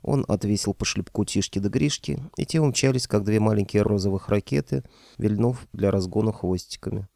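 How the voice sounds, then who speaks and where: A male audiobook narrator with a dark, mellow voice and a gravelly edge, telling the story in a steady, even way. The recording is close and dry, with no room sound. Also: lowish voice, a little fast, no echo. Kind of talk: first-person audiobook narration.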